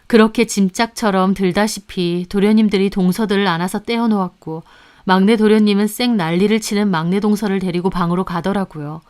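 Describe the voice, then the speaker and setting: A woman narrating a family story in the first person, calm and confiding. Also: mid-range voice, a little fast, clean tone.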